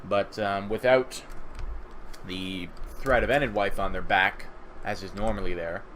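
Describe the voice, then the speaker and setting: A man casually commentating a strategy game at home, relaxed and rambling, thinking aloud, a bit sleepy. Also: on the low side, unhurried, a little hiss or hum. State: sleepy, just woke up. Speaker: gaming channel host. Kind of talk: casual let's-play commentary.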